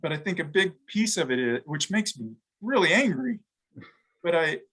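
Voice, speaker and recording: A middle-aged man, a guest in an interview, talking reflectively with frequent pauses, fillers and restarts. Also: a little high, animated, fairly bright tone, husky, low-quality recording. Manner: halting, thoughtful, many restarts and fillers. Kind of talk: reflective conversation.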